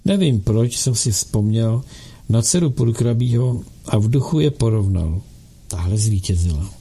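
A man reading a novel aloud as an audiobook narrator, in a steady, measured way. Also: lowish voice, vocal fry, slightly rough.

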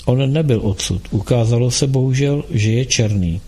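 A man voicing a calm, kind and mysterious young man in an audiobook, speaking earnestly and persuasively. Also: medium pitch, breathy edge, natural voice. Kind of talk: audiobook dialogue.

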